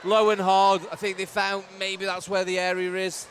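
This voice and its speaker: High-voiced chatty hockey pundit man. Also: flat delivery, moderate pace, fairly bright tone, a little hiss or hum. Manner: agreeable, lots of yeahs, loose phrasing. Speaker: color commentator. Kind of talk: casual live analysis.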